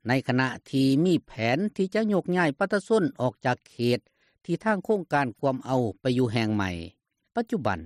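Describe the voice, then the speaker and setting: Lao accent guy reading radio news, really lively intonation, dry studio-like sound. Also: a little high, dry recording. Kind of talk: scripted news narration.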